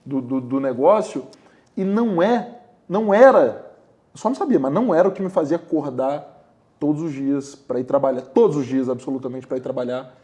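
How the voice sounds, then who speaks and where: A man's voice: mid-range voice, fairly quick, warm tone. A man hosting a podcast, telling a reflective story in an informal, conversational way. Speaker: podcast host. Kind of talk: casual podcast interview.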